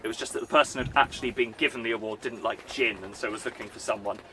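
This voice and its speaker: A man talks on his vlog in a loose, rambling way, playful and animated as he spins a story. His voice is bright and forceful, sitting at a middle pitch. A faint background noise runs under the recording. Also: fast talker. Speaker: vlogger recounting a live-action role-play event. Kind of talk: casual in-character storytelling chat.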